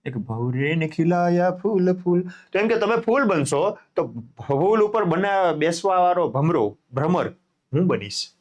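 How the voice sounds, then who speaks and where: A man's voice: sits high, lively intonation, measured pace, a little mellow, muffled recording. A man teaching a Sanskrit lesson, reading each line and then explaining it, with questions to his class. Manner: reads Sanskrit lines then explains them in Gujarati, asking the class questions.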